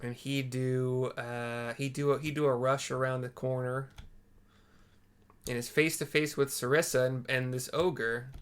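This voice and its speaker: A man's voice: mid-range voice, level tone, unhurried, smooth. A man running a tabletop game, narrating and ruling casually as he thinks aloud. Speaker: game master.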